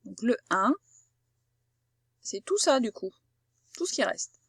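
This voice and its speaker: A woman teaches a child to read. She speaks slowly and patiently, sounding out each word with care, in a slightly high voice. The recording is dry and close, with no room sound. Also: sing-song, vocal fry, fairly bright tone, husky, no echo. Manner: slow, patient, carefully articulated explanation. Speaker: primary school teacher. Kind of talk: phonics lesson for children.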